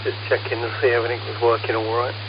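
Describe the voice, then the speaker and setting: A man's voice: mid-range voice, flat delivery, racing. Man on a fading, distant radio signal. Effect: fading, distant shortwave radio signal. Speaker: radio amateur. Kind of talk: casual radio contact. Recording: noisy, muffled radio receiver.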